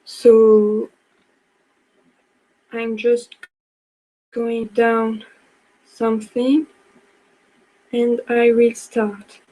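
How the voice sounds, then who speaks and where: A woman's voice: on the high side, level tone, drawn-out words, long pauses, mellow, poor audio. A young woman from France with a French accent, a non-native speaker, apologizing often and restarting sentences as she presents a live online workshop. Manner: apologetic, hesitant, many restarts.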